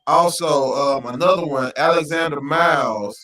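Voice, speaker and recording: A man from Louisiana, co-hosting a casual podcast and explaining things in a slow, laid-back way. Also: on the high side, bright, forceful tone. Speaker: podcast co-host.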